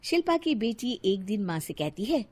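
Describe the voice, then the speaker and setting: A woman narrating an animated cartoon story in a lively, expressive way. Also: medium pitch, moderate pace, slightly rough.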